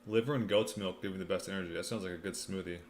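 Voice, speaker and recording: A low-pitched man hosts a casual livestream, talking in a loose, slangy way as he eats, sometimes with his mouth full. There is some background noise around his voice. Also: fairly even intonation, very fast. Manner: talks while eating, mouth sometimes full; laid-back slangy delivery, often saying "man" and "you know". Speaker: livestream host answering viewer questions.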